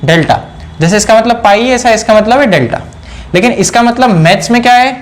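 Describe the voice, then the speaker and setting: A man teaching a whiteboard science lesson, asking questions and answering them himself, repeating key terms slowly. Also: sits high, animated. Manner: mixes in English phrases, repeats key words slowly. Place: indoor room.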